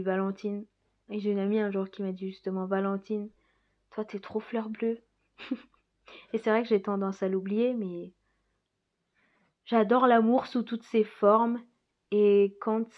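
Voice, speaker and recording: A woman in a casual reflective monologue as a podcast host, musing and rambling, often laughing. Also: medium pitch. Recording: slightly dull lo-fi recording.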